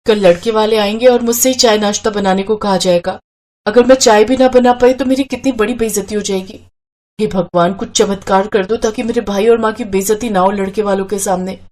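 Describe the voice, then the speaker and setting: A woman voicing a hot-tempered young woman in a storybook, shrill and scolding. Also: fairly even intonation, darkish tone, close to an everyday voice. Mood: worried. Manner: shrill, scolding, fast when angry. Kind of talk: storybook character voice.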